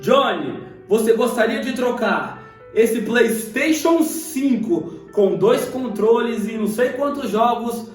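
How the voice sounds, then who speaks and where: A man with a Brazilian Portuguese accent voicing a loud, excited male TV game show host. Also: extremely high pitch, slow pace, distant mic, voice pushed up, full character voice. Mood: teasing. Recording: echoey room, voice off-mic, faint music.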